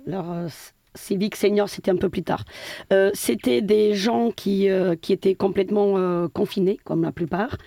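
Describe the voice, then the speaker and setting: A woman's voice: medium pitch, dark tone, dry recording. A middle-aged woman from Portugal, a building caretaker answering interview questions hesitantly with many fillers and restarts.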